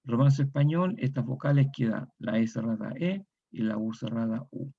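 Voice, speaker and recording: Gravelly Chilean man lecturing. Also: medium pitch, moderate pace, dull audio. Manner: methodical, repeats example words, adds tag questions. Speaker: university lecturer. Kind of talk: recorded online lecture.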